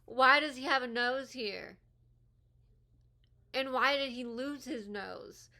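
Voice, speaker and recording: A woman hosts a movie commentary video, her high-pitched voice moving slowly over faint background music. She reacts casually and animatedly, full of slang and constant "like"s, and a retainer makes her speech sound slightly off.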